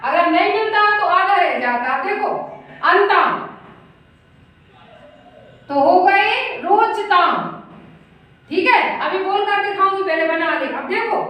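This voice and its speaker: High-pitched woman teaching in an echoey room. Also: lively intonation, slow, pauses often, a bit bright, distant mic. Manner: patient, repetitive drilling, addresses students as children. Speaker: Sanskrit grammar teacher. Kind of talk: classroom-style lesson at a whiteboard.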